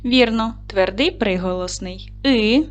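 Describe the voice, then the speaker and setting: A woman teaching a video lesson to young schoolchildren, dictating clearly and guiding them step by step. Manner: slow, clear dictating tone with lively pitch.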